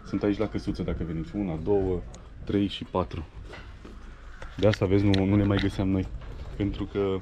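A man with a lowish voice chats casually while walking around outdoors, reading inscriptions aloud as he goes. It is a vlog recorded on an action camera, and clear background noise runs under his talk. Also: little pitch movement, pauses often, highs cut off. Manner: chatty, reads grave verses aloud. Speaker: motovlogger. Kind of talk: casual travel vlog chat. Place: outdoors in a village cemetery.

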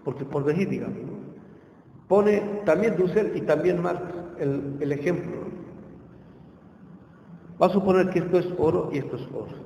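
Talking at a moderate pace, a male university lecturer with a high-ish, gravelly, mellow voice leaves long pauses between thoughts. His classroom lecture is informal and full of tag questions aimed at the audience, with roomy hall echo and faint noise in the lecture room.

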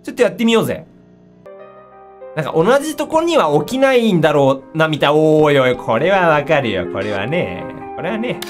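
A woman giving excitable commentary on a horror game, easily startled, often exclaiming and repeating her words. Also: low-pitched, a little fast. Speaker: game streamer. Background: music.

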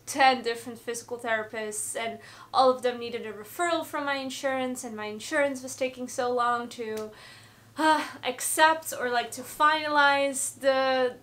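Young woman vlogging, higher-pitched voice. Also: moderate pace, a bit bright. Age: 20s. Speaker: vlogger, roller skater. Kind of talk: casual vlog chat to camera. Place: bedroom, indoors.

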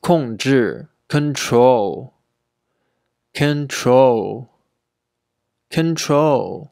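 A man's voice: mid-range voice, lively intonation, gravelly, darkish tone, dry recording. Male English teacher, repeats each phrase, dry close-mic sound. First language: Chinese. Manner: repeats each word and sentence several times, slow and deliberate. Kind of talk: slow repeated pronunciation drills.

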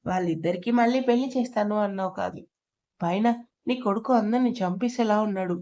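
A woman's voice: mid-range voice, fairly quick, dark tone, lightly acted. A woman voicing an alarmed, blunt young man in a storybook narration.

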